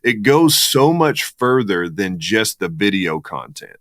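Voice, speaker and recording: Man, from the US Midwest, podcast co-host, casual chat, eager and rambling, forceful tone, dry sound. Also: lowish voice, sing-song, measured pace, no echo. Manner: enthusiastic, rambling with restarts.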